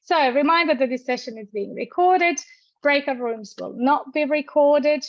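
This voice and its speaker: A university lecturer with a high-pitched voice hosts a webinar over a dull video call with no room sound, handling housekeeping and introductions. Croatian is her first language, and she comes across as friendly but halting, with many fillers and restarts.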